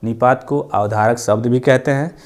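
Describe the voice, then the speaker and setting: A man explaining grammar as a lesson, mid-pitched and even. He drills example sentences again and again. He punches the key words hard for emphasis. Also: normal speed. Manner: repeats examples, stresses words loudly. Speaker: teacher.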